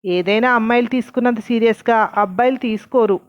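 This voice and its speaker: A woman's voice: fairly high pitch, fast talker, close to an everyday voice. A woman voicing a young woman who reproaches her boyfriend with doubt in a read-aloud story. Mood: reproachful. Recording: dull lo-fi recording.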